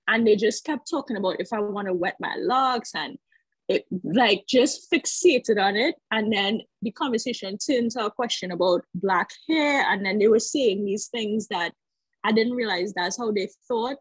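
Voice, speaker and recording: Reflective woman, husky voice. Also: medium pitch, no echo, poor audio. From Trinidad. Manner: hesitant, reflective, many fillers. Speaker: call participant. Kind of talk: personal storytelling on a group call. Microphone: video call.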